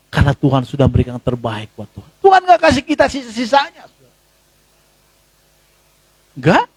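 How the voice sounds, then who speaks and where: A male pastor preaching a sermon in a conversational, animated way, jumping to high exclamations and dropping to low asides as he addresses the congregation. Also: slightly rough, no echo. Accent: Indonesian. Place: church.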